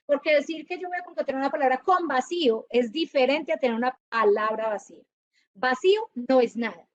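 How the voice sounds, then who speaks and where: A woman teaching a university class, lively and often checking whether her students follow. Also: high voice, no room sound, dull audio. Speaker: university lecturer. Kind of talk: classroom lecture.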